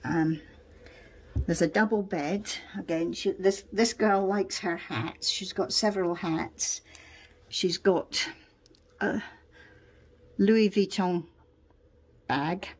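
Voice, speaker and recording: Scottish woman calmly showing her dollhouse. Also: lowish voice, takes it slowly, long pauses, breathy edge. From Scotland. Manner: patient, explains details step by step. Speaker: dollhouse owner showing her miniature house. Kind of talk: casual show-and-tell chat.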